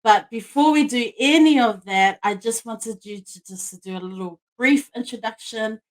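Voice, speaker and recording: A woman's voice: a little high, normal speed. A woman hosting a podcast, interviewing casually with an enthusiastic, informal manner. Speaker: podcast host.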